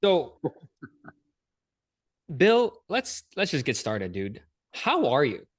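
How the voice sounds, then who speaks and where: A man hosting a podcast interview in casual, energetic chat, calling his guest "dude" and "man". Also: on the high side, very slow, breathy edge, dry recording, clean studio sound. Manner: energetic, slangy, says "dude" and "man" a lot. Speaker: podcast host.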